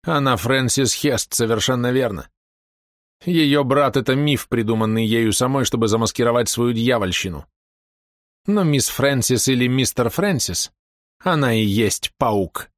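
A man performs the role of a wounded, exhausted man who talks breathlessly and bitterly. He uses a medium pitch that's a bit above his own natural voice, though still close to everyday speech, at an unhurried pace. The studio recording is clean with no echo.

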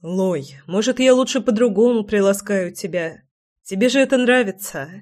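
A woman reading aloud and voicing a tender, teasing young husband in a soft murmur. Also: animated, moderate pace, natural voice. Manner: hushed, low murmur.

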